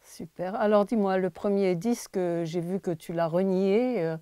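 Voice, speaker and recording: A woman's voice: medium pitch, moderate pace, mellow, clear, resonant tone, no echo. A woman hosting a casual interview, asking questions and encouraging her guest with short interjections and laughter. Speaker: host.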